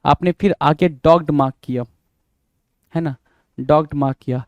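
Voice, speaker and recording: Teacher guy, kinda high voice, mellow, dry sound, keeps quizzing you and spelling stuff out. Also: normal speed, no echo. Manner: repetitive, spells words letter by letter, quizzing the viewer; mixes Hindi and English. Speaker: English vocabulary teacher. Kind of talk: exam-prep vocabulary lesson.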